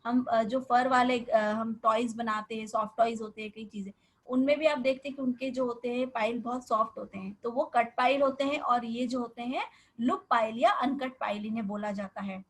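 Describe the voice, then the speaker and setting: A woman's voice: fairly high pitch, moderate pace, rough recording. A woman teaching a class on garment terms with a Hindi accent. She explains step by step and often poses questions to her students.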